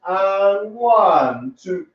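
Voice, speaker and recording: A man's voice: high-pitched, lively intonation, very slow. A man teaching a live-streamed dance lesson, teasing his partner and counting the steps aloud. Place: dance studio. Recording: roomy, distant, dull camera sound.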